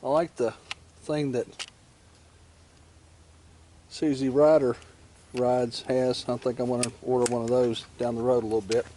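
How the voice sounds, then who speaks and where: A motorcycle vlogger walks through a gear installation step by step, talking casually and plainly as he works with his hands. His medium-pitched voice is level and warm, a little slow, with long pauses. Ambient and vehicle noise come through clearly.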